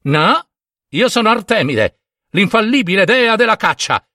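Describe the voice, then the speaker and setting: A man's voice: sits high, very animated, measured pace, sharp tone, no echo, pitched above the performer's own voice, exaggerated voice. Brief: haughty female goddess of the hunt, curt and proud, as a male storyteller puts her on, close dry sound.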